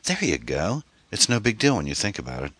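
A man voicing a gentle, supportive middle-aged woman who coaxes and reassures her anxious friend. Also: sits low, wildly swooping pitch, a little fast, no echo, pitched above the performer's own voice, full character voice. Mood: coaxing. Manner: coaxing, reassuring.

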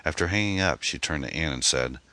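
A man reading a mystery novel aloud as narrator, expressive storytelling. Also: a bass voice, fairly quick, no room sound. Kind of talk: scripted audiobook narration.

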